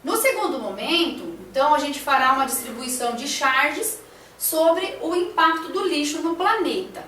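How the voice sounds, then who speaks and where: A woman's voice: sits high, expressive, normal speed, fairly bright tone, roomy sound, far from the mic, a little hiss or hum. A woman teacher talking through a classroom lesson plan, hesitant, with many fillers and tag questions.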